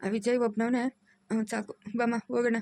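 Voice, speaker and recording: A woman's voice: a little high, fairly even intonation, brisk, a little mellow, close to an everyday voice. A middle-aged woman playing a stern, wounded mother who scolds her family firmly in a home drama. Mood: hurt, resigned. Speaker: mother-in-law. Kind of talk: amateur family drama acting.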